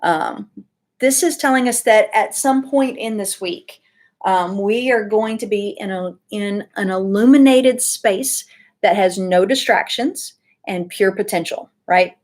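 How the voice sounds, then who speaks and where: Woman, mid-pitched voice, casual chatty oracle card reading, ums and asides, home office webcam. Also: a little slow, darkish tone. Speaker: tarot and oracle card reader. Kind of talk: casual weekly energy reading.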